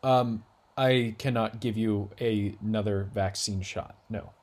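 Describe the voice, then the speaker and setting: A man playing a calm, hesitant but firm male nurse in an improvised comedy sketch over a video call. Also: on the low side, a little slow, voice pushed down. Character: patient, flat-toned male nurse.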